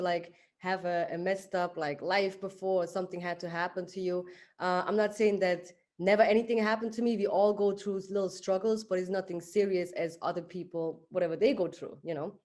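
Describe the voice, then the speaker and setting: A woman's voice: mid-range voice, a little fast. Woman telling her story. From Switzerland. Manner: relaxed, many fillers like "like" and "um". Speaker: podcast guest. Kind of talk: casual interview storytelling.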